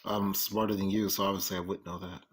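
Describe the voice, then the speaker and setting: A man arguing in a live online debate, dismissive and halting, repeating himself and stumbling over his words. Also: sits low, level tone, slightly rough. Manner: dismissive, hesitant, repetitive. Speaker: debate opponent.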